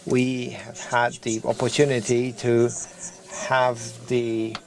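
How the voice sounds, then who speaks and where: A man hosting an event, giving a formal podium speech of introductions in a halting, hesitant way. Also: medium pitch, little pitch movement. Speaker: event host introducing speakers.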